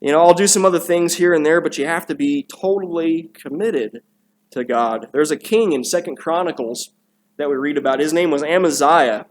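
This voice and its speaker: A man delivering a sermon from the pulpit, his voice sitting a little higher than most men's. He talks casually and conversationally, doubling back on words and dropping in asides to the congregation. Recorded on a church mic. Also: normal speed. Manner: conversational, with frequent restarts and asides. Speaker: preacher. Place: church sanctuary.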